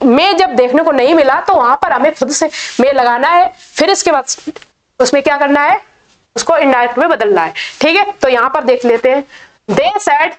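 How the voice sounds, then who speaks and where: A woman teaching an English grammar lesson in Hindi, patiently repeating each rule. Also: high-pitched. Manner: slow, patient, repeats key points.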